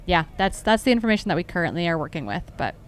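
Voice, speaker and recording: A woman's voice: fairly low pitch, very animated, rapid-fire, a little hiss or hum. A woman commentating a live trail race, chatty and upbeat, often correcting herself.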